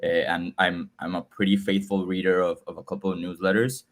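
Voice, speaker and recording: A young man from Guatemala, a guest explaining his app in casual chat, with frequent halting repeats. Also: low voice, flat delivery. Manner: halting, repeats words as he talks. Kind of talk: casual video call chat. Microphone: video call.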